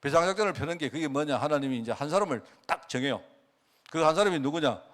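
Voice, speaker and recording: Middle-aged male pastor, lively sermon delivery, slightly high voice. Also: quick pace. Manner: animated, asks the congregation questions; acts out God's words in quoted speech.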